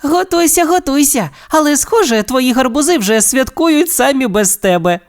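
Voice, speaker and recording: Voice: sits high, lively intonation, moderate pace, pitched above the performer's own voice. Narrator doing a teasing young craftswoman. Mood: mocking. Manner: teasing, sly. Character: mocking young woman crafter.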